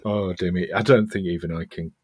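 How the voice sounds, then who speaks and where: A middle-aged man with a soft Yorkshire accent, co-hosting a podcast in casual chat. He is chatty and self-mocking, laughs often and restarts his sentences. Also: sits low, steady tone, a little fast, husky. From Yorkshire, England. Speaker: podcast co-host.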